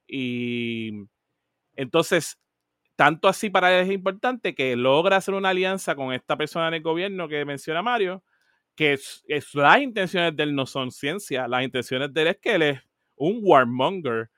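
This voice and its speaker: Animated man, slightly high voice. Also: moderate pace, no room sound, studio quality. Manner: animated, mixes English words into Spanish, frequent restarts. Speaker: podcast co-host. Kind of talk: casual discussion of a TV series.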